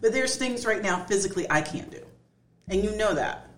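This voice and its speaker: A woman co-hosting a casual podcast chat, animated, laughing often and acting out what others say. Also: medium pitch, fairly quick. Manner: animated, laughs often, acts out quoted voices. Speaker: podcast co-host.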